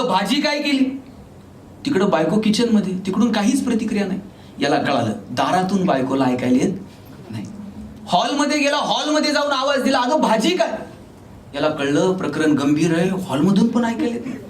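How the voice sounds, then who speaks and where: Guy from maharashtra doing a funny motivational talk on stage, pretty high voice, faint noise in the background. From Maharashtra, India. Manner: humorous storyteller acting out dialogue. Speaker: motivational speaker. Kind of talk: motivational speech to a live audience. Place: large hall with a live audience. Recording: echoey hall from far off, faint noise.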